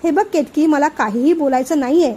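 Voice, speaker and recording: A woman's voice: sits high, brisk, mellow, close to an everyday voice. A woman reading a sulky, fed-up young husband. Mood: aggrieved. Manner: melodramatic, rhyming complaints. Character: young married man, sulky and fed up with his wife.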